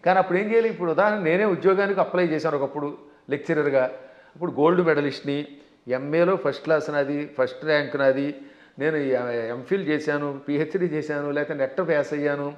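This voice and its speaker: A man speaks as a learned scholar in a devotional interview, pressing his points with emphasis and slipping into slow mantra chanting. His voice sits high, and the recording is dull and roomy. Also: steady tone. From South India. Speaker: Vedic scholar guest. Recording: dull sound in an echoey room.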